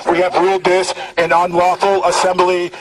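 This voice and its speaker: A man protesting outdoors, shouting commanding mock police announcements through a megaphone. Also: high voice, monotone, moderate pace, heavy background noise.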